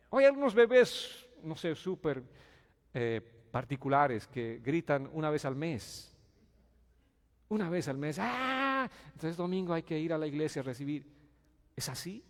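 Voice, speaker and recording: Fiery pastor preaching in an echoing hall. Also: male voice, a little high. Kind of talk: sermon. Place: church sanctuary.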